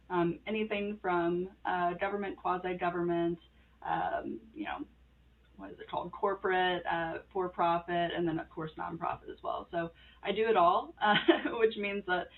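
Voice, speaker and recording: A young woman with a fairly low voice answers interview questions over a video call. She explains in a steady way, and her audio comes through a little muffled. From born in Croatia, raised in the US Midwest. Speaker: guest, organizational consultant.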